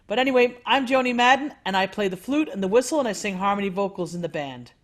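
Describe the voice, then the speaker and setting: A woman's voice: mid-range voice, animated, fast. A woman speaking casually as the leader introducing a band.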